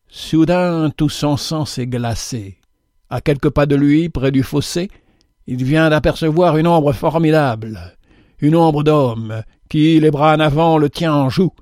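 A man giving a slow, theatrical reading of a moral parable in a preacherly manner. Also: fairly high pitch, darkish tone, no echo, studio quality. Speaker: narrator.

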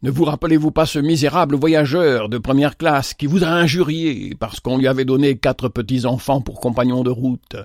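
A man reading a storybook, voicing a remorseful old gentleman traveler who pleads earnestly and insistently. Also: medium pitch, normal speed, hardly any pauses, dry recording, clean studio sound, natural voice. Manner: pleading, insistent, voice trembling with emotion.

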